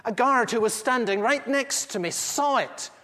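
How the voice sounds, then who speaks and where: In a solemn first-person dramatic monologue, a man plays an aged apostle recounting what he witnessed, earnest and intimate with dramatic swells. His voice is very high and sharp at a moderate pace, echoing through a hall with long reverb.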